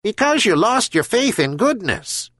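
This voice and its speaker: A man voicing a wise herring gull that speaks in a measured, admonishing way. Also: high-pitched, very animated, fairly bright tone, no echo, studio quality, pitched above the performer's own voice, heavily acted.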